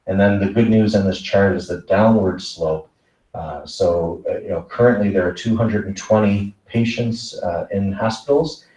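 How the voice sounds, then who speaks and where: A man, a school superintendent presenting a report at a board meeting, measured and full of fillers. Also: low voice, dark tone. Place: meeting room. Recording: echoey room, voice from a distance.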